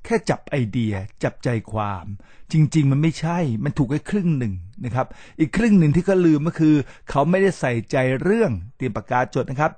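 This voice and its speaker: A middle-aged man hosts a podcast in a chatty lecture style, his voice sitting a little high. He talks with lively energy and slips in English words as he demonstrates them. The sound is close and dry, with no room echo. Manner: animated, mixes English words into his talk, demonstrates pronunciation. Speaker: podcast host teaching English. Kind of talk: casual lecture-style talk to listeners.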